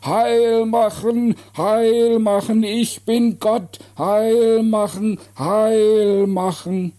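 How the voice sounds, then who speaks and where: A man voicing a simple, excitable grown man who claims to be God, in short broken sentences with a booming bass voice. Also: very slow, breathy edge, heavily acted. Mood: exuberant.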